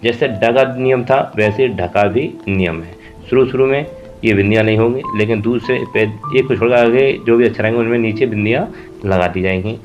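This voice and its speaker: A man's voice: on the low side, brisk. A man teaching a Hindi spelling lesson, explaining rules step by step and spelling out letters while he writes examples. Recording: dull lo-fi audio with faint music.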